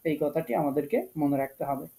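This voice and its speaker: A man teaching an online Quran recitation class, explaining each point patiently and repeating key rules slowly. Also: on the high side, little pitch movement, gravelly, dark tone, low-quality recording. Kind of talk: online tajweed class lecture.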